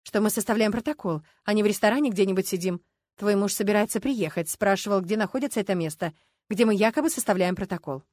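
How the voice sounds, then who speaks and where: Brief: narrator's own voice for a serious calm woman, dry close sound. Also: mid-range voice, quick pace, no room sound, natural voice. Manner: steady, level, earnest. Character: calm, composed grown woman, serious, principled.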